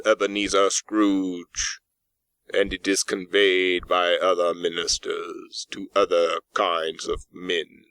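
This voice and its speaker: Man voicing Marley's slow, woeful ghost. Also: lowish voice, a bit bright, clean tone, no room sound. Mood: mournful, anguished. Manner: solemn, declamatory, drawn-out, woeful. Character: ghost of Jacob Marley, mournful, doomed male spirit in chains. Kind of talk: dramatised storybook narration.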